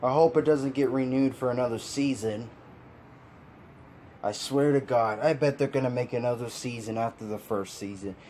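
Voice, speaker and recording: A man with a medium-pitched, slightly mellow voice speaks at normal speed in a frustrated video rant. Exasperated, he sighs, laughs, and repeats his points, with slight noise in the background.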